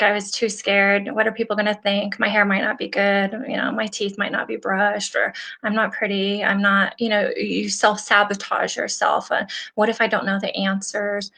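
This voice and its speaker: A middle-aged woman speaking in an animated, encouraging way on a casual live stream. She sounds earnest and chatty and addresses her viewers directly. Her voice sits at an ordinary pitch and she laughs often. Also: gravelly. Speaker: host of a live stream for nail professionals.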